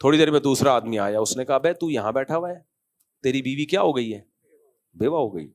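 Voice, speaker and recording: A man's voice: mid-range voice, animated, fairly quick. A man giving a conversational religious talk, telling anecdotes and jokes and acting out the dialogue in different voices. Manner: storytelling, acts out dialogue in different voices, chuckles. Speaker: Islamic scholar giving a talk.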